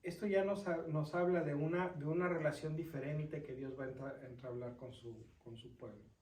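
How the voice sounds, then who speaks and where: Male deacon, somewhat high pitch, scripture reading and teaching, roomy echo. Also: fairly even intonation, moderate pace, a little mellow. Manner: reads scripture aloud, then explains it and quizzes listeners. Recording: roomy sound from a distant mic.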